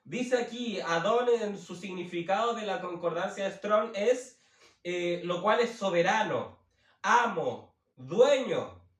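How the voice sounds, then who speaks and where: A man teaching the Bible as a preacher, slowly repeating and rephrasing himself with many fillers. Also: high-pitched, animated, a bit bright, distant mic. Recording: roomy, from away from the mic.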